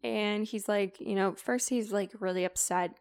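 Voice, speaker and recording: A woman on a podcast retells an old tale in a loose, chatty way, full of "like" and asides. Her voice sits mid-range and carries a gravelly fry at the ends of phrases. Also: mid-range voice, steady tone, normal speed. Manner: chatty, filler-heavy, lots of "like". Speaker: podcast co-host retelling a classic story. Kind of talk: casual chat retelling.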